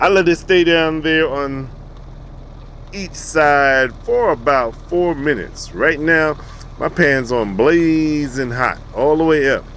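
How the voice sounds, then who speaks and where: Home cook, male, chatty and goofy, voice swinging up and down, slight hiss behind. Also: fairly high pitch. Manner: playful, rambling, talks to the food. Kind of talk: casual cooking narration.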